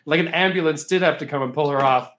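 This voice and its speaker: Male stage actor, lively raconteur with a fairly high voice, recorded in a roomy space. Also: quick pace. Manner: animated storyteller, laughs through the tale. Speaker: stage actor telling an anecdote. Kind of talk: casual chat.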